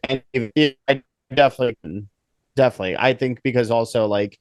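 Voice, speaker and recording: A man's voice: medium pitch, a little fast, no echo. A man co-hosting a casual podcast, who talks in loose rambling sentences full of fillers. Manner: rambling, lots of fillers like "you know" and "kinda". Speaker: podcast co-host. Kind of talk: casual chat.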